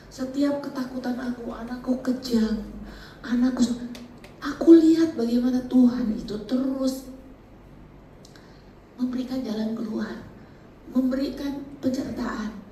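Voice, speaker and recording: A chatty middle-aged woman leads a church workshop, joking often and laughing between points. Her fairly high voice comes from some way off the mic. It rings around a reverberant hall with faint noise underneath. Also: unhurried, pauses often, mellow, recorded from a distance. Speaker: seminar speaker. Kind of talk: lively church workshop talk.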